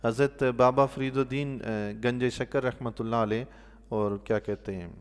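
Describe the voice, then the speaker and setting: A man, a mosque imam giving Quran commentary, telling stories with animated bursts of loudness and soft, quiet asides. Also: mid-range voice, smooth, long reverb tail. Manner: animated storyteller, voice swelling loudly on emphatic points; drops to a soft, quiet tone for pious exclamations. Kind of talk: sermon-style Quran commentary with storytelling.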